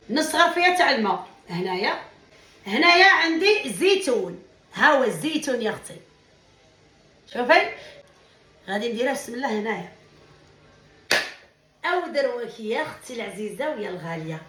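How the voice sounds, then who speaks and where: In a high, fairly bright voice, a woman cooks in her home kitchen for her vlog, affectionately addressing viewers as sisters while demonstrating a recipe. The mic sits at a distance in an echoey room, with slight hiss or hum.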